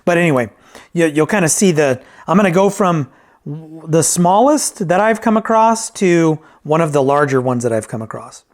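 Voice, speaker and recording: In a casual, unscripted review, a man who fixes and reviews vintage tape decks rambles and corrects himself, checking in often with "right?". His pitch is on the high side, his intonation lively, and his pace moderate.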